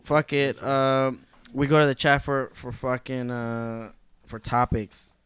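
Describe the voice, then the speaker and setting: A man's voice: medium pitch, little pitch movement, takes it slowly, a bit bright, smooth, no echo. A man hosting a casual podcast in profane, slangy bro talk, close to the microphone.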